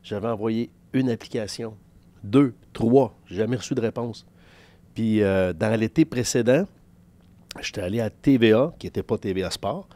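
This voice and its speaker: Storytelling Québécois sports journalist. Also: male voice, lowish voice, normal speed. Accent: Québécois French. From Quebec. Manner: animated anecdotes with quoted dialogue. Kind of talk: casual podcast interview storytelling.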